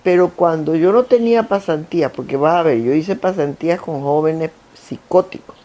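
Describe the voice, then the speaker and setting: Older woman, Guayaquil Spanish accent, mellow tone, storytelling interview guest, repeats and lists as she goes. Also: deep voice, normal speed. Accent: Ecuadorian coastal Spanish, Guayaquil. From Ecuador. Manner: animated, anecdotal, lists with repetition. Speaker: interview guest, founder of a foundation. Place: theater stage.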